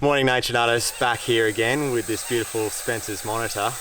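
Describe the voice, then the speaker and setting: A man's voice: mid-range voice, steady tone, brisk. An Australian man presenting wildlife casually to camera, chatting fondly and enthusiastically, sometimes to the animals themselves. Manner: enthusiastic, fond chat, talks to animals. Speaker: wildlife video host. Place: outdoors in the bush and by roadsides. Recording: loud outdoor and vehicle noise.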